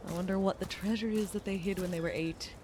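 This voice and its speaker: A woman playing a video game and chatting casually about the characters as she goes, with warm, animated reactions. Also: mid-range voice, fast, slight background noise. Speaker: game streamer. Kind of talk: casual playthrough commentary.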